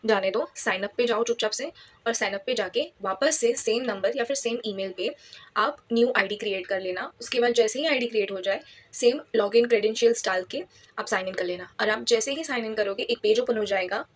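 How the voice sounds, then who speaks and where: A woman's voice: fairly high pitch, fairly quick, a little hiss or hum. A woman hosting her channel, talking casually through an app tutorial and giving advice in a voice-over. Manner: chatty, advice-giving, mixes English into Hindi. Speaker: YouTube channel host. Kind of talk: casual screen-recording tutorial.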